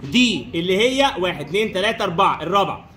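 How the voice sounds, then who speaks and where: A man's voice: high-pitched, animated, racing, a crowd in the background. A man teaching French in a classroom with an Egyptian Arabic accent, repeating each question and answer as he quizzes his students. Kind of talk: classroom lesson drilling answers. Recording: echoey room.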